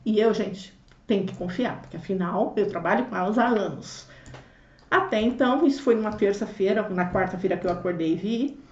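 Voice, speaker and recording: A woman sharing her story as an interview guest, expressive, acting out dialogue and swinging between loud and hushed. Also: medium pitch, fairly quick. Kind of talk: animated personal testimony. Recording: roomy, distant, dull audio.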